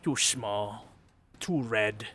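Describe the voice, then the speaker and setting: A man voicing a sly, boastful hobgoblin mercenary in a tabletop game, gravelly, with haughty, mocking, drawn-out taunts. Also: lowish voice, a bit bright, soft background music, full character voice.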